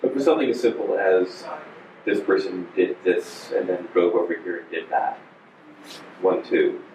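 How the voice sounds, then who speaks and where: A man's voice: low voice, expressive, normal speed, background noise. A man in the audience asking the presenter a tentative question. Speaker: audience member. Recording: distant, dull roomy audio.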